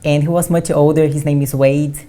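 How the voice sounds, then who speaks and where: Low-voiced young woman. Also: little pitch movement, brisk, mellow. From Brazil. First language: Portuguese. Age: 20s. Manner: earnest, often says "like". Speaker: guest athlete. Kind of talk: conversational interview. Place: studio.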